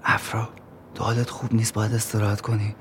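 An actor playing a controlling young man who speaks calmly and soothingly, with a needling edge. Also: fairly low pitch, slight background noise, close to an everyday voice.

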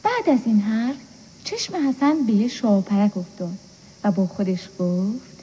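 Mellow woman narrating a children's story. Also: mid-range voice, animated, breathy edge, dull audio.

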